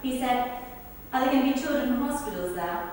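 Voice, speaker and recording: Rehearsing verbatim monologues, a woman earnestly relays people's stories of a celebrity visiting a football club. Her voice sits on the high side with a darkish tone, brisk and lively, and sounds close to how she'd normally talk, captured by a distant mic in a reverberant hall with slight noise.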